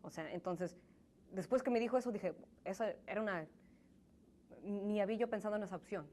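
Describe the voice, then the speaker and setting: A young woman of Mexican family, raised in the United States with English as her first language, answers interview questions earnestly and thoughtfully as a guest. Her medium-pitched, mellow voice moves fairly quickly, and she often restarts her sentences in this conversational interview.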